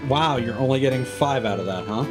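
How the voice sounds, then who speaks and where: A man with a medium-pitched voice speaks fairly quickly while streaming, offering casual, analytical thoughts on his gameplay as he goes. Loud game music plays in the background.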